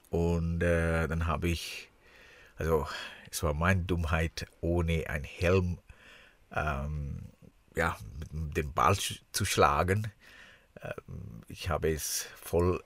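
A man with a foreign accent in German, chatting haltingly on a podcast in a congested, nasal voice, as if with a broken nose. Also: sits low, vocal fry, dry recording. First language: not German. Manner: halting, searching for words. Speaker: podcast co-host. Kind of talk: casual podcast chat. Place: small camper van used as studio.

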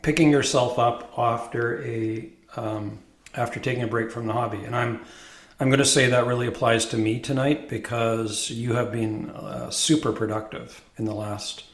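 A man's voice: medium pitch, steady tone, normal speed, roomy sound. A middle-aged or older man with a Canadian accent, hosting casually in a wry, wordy, hesitant conversational style. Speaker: podcast host.

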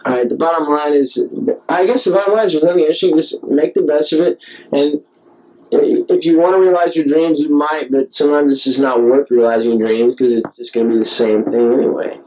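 Man, muffled dictaphone tape sound, mellow tone. Digressive, self-mocking late-night monologue, circling back on itself. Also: fairly high pitch, steady tone, brisk. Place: speaking alone into a tape recorder. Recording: dull home tape recorder.

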